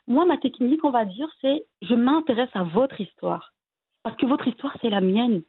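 Belgian woman chatting as a guest, husky voice, sounds like a phone line, lots of euh. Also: on the high side, normal speed, no room sound. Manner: warm, hesitant, many fillers and restarts. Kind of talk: casual interview conversation.

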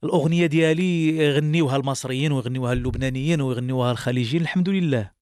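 A man's voice: medium pitch, steady tone, very fast, darkish tone, smooth, no room sound, clean studio sound. A male singer with a Moroccan accent answering interview questions earnestly, often restarting his sentences.

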